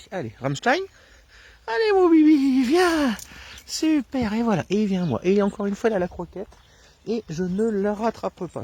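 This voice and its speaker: A man explaining dog training outdoors on a rural path, talking to viewers in a relaxed way with many hesitations, filmed alone on a handheld camera. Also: a little high, a little hiss or hum. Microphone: camera filming alone, held himself.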